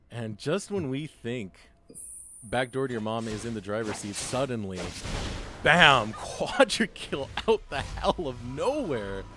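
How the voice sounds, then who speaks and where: A man giving live play-by-play commentary on an esports match, excitable and quick to laugh. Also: medium pitch, noisy background. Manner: excitable, laughs often, shouts big plays. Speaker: esports caster. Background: game music.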